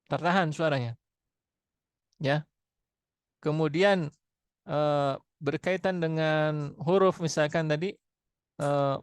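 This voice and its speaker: A man teaching Quran recitation rules, slowly repeating and sounding out Arabic letters for his students. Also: fairly high pitch, no echo. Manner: slow, repetitive, demonstrates letter sounds aloud. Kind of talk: classroom tajwid lesson.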